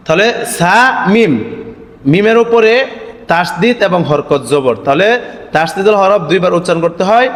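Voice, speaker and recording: Slow singsong man teaching in an echo. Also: sits high, fairly bright tone. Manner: slow drilling, chanting syllables in a singsong; asks the viewers questions and answers them himself. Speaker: Quran reading teacher. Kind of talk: spelling lesson for Arabic letters. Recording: echoey room with long reverb.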